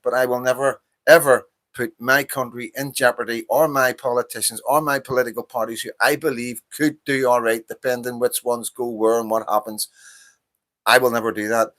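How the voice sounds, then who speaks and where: This livestream host is a Northern Irish man in his fifties with a medium-pitched, slightly bright voice, a level tone and a moderate pace. He delivers a casual political monologue, ranting with passion, swearing and repeating himself.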